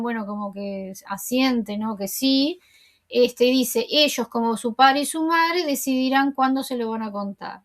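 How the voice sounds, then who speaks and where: A woman host casually retelling a TV episode, chatty and conversational, with frequent asides. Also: sits high. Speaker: TV series recap host.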